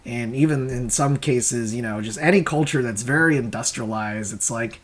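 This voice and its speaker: At a moderate pace and in a mid-range voice, a man who creates and hosts comics rambles through casual commentary. He's tentative, keeps questioning himself, and chuckles during his explanations.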